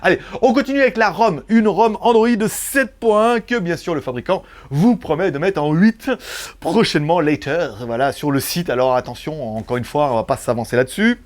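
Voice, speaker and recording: A man's voice: on the high side, moderate pace. A man casually reviewing a smartphone, chatty and joking, with plenty of fillers and asides. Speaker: tech reviewer.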